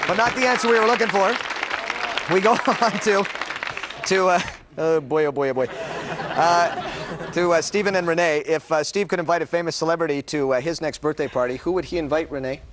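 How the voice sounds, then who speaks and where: A man's voice: a little high, a little fast. A man hosting a game show, bantering with couples in a playful, jokey way. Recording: loud studio audience and noisy background. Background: studio crowd.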